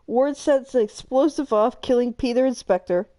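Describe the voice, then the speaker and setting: A woman's voice: high-pitched, measured pace, mellow. A woman hosting a live game stream, chatting casually and reading game events aloud, giggling often between lines. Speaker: streamer host.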